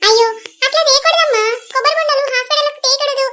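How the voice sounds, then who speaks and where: A cartoon nurse, played by a woman, who lays down the rules in a firm, scolding way. Her voice is very high, quick and bright. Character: brisk, bossy young hospital nurse. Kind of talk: animated village comedy voice acting.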